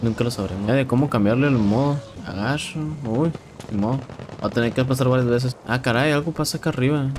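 A young man with a Mexican accent giving casual, excitable commentary while playing a shooter game, swearing and repeating words. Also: medium pitch, quick pace. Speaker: gameplay streamer. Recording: game sounds and noise in background.

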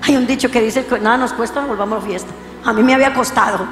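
A woman preacher delivers a sermon as a story, her fairly high voice dropping to a hush and then rising to fervent shouts. The sound rings with long reverb, and faint music plays underneath. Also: fast talker.

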